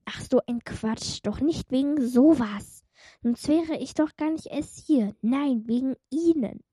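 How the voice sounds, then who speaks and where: Small teasing demon girl, voiced by a woman; slow and dry, close to the mic. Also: sits high, warm tone, breathy edge, no echo. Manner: teasing, sarcastic. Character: small, cheeky young female demon.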